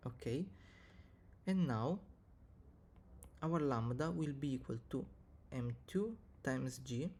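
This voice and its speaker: Slow, halting man dictating equations, muted tone. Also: mid-range voice, a little mellow, a little hiss or hum. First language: not English. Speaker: physics tutor, video presenter. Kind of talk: step-by-step maths lesson, reading out equations.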